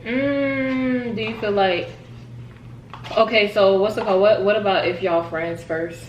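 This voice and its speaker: A woman hosting a casual mukbang vlog, chatting in a relaxed, slangy way. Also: medium pitch, unhurried, roomy sound, lo-fi sound, slight background noise. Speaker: vlogger host.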